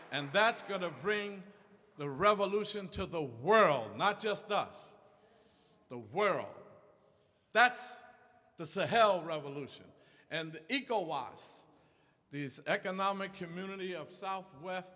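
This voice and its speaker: Impassioned man orating in an echoey hall. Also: sits high. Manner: impassioned, repetitive, rising to shouts. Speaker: activist speaker. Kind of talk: fiery political speech. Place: large church hall.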